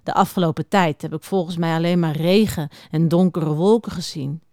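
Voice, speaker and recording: A woman reading a picture book aloud to young children, expressive and speaking right to them. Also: lowish voice, normal speed, no room sound, studio quality. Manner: expressive, talks directly to children.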